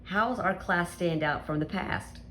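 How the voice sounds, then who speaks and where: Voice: medium pitch, normal speed, sharp tone, a little hiss or hum. A student interviewer reading out questions plainly.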